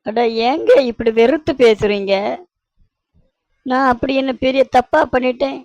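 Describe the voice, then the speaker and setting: A woman's voice: sits high, a little slow, a little mellow, no echo. A woman voicing a sweet-talking young wife in a cartoon, wheedling her husband. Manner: wheedling, sugary. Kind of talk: cartoon voice acting.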